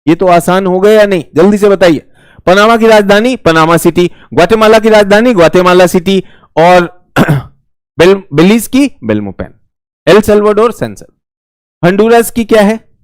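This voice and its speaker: High-voiced Indian man teaching geography. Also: animated, normal speed, clean tone, no echo, studio quality. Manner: chatty, teasing, repeats key words. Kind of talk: live online exam-prep class.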